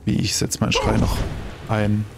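Gravelly low-voiced German gamer man. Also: monotone, normal speed, music in the background. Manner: chatty, exclaims over loot, thinks aloud. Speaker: let's play gamer. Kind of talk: casual gameplay commentary.

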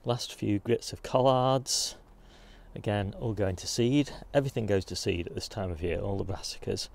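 Man, low and gravelly, relaxed outdoor garden-tour host, faint background noise. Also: moderate pace. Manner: relaxed, informative, pointing things out as he walks. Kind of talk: casual garden tour walkthrough. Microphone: handheld phone camera.

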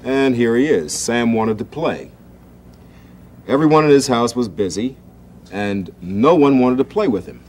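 A man hosting a children's show who reads a story aloud in a gentle, expressive way. His voice sits at an ordinary, middle pitch. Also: a little slow, slight background noise. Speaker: children's TV host.

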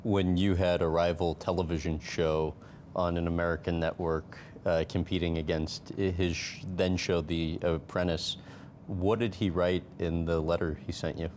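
A man's voice: low voice, flat delivery, moderate pace, darkish tone, slight background noise. A young adult man hosting an interview in a living room, asking direct, brief questions. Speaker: interviewer host. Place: bright living room, seated on a sofa.

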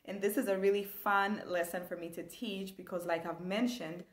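A young Zambian woman teaches a language lesson online from a small indoor room, her medium-pitched voice echoing a bit at a normal pace. She's animated and enthusiastic, gesturing a lot as she speaks.

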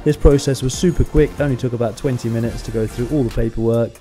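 A man narrates a travel vlog in voice-over, recapping what happened in a calm, matter-of-fact way. His pitch is medium for a man. Music runs underneath. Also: quick pace.

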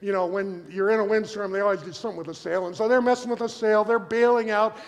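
A man's voice: sits high, quick pace. Guy preaching in a church, acts out the story, big echoey hall sound. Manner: animated storytelling, acting out the scene in quotes. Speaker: pastor. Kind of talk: sermon. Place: church sanctuary. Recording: long reverb of a church hall.

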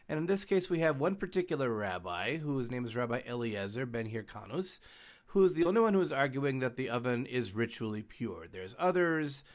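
A man leading a discussion, telling a story in a thoughtful, casual way with many fillers. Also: medium pitch. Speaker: discussion leader. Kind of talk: casual teaching on a video call.

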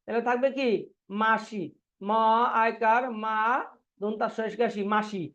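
A man's voice: high voice, level tone, a little slow, fairly bright tone. Drilling male language teacher. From Bangladesh. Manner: drills students with repeated questions and answers. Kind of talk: online class lesson.

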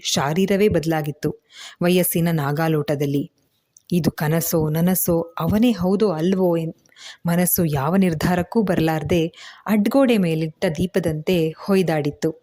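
A woman narrates a serialized story in a steady, literary manner. Her voice sits low and sounds mellow and relaxed, suited to scripted audiobook reading.

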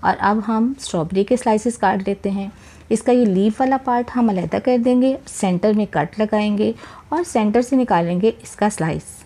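Her medium-pitched voice moves at a normal speed as she hosts a cooking channel entirely in voice-over. Friendly and chatty, she speaks straight to viewers, cheers them on, and frequently offers religious blessings as she cooks.

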